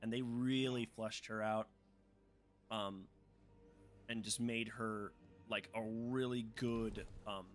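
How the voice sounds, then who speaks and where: Young man, casual livestream chat, rambling with fillers, desk mic, steady game music behind. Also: fairly low pitch, takes it slowly. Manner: rambling, with many fillers and restarts. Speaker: gaming streamer. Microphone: desk microphone.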